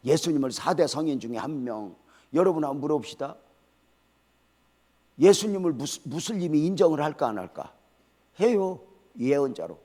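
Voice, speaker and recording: Older male pastor preaching animatedly. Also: fairly high pitch. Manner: animated, quizzes the congregation and calls for responses; casual storytelling asides. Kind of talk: sermon. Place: church sanctuary.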